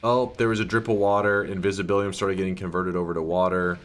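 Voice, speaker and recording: A man streaming live gameplay on a headset mic, thinking out loud and swearing casually. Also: low-pitched, steady tone, fast talker.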